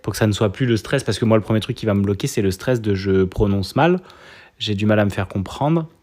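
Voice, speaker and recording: Low-voiced man hosting a podcast. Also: fairly quick, a little mellow. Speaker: podcast host. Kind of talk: casual interview questions.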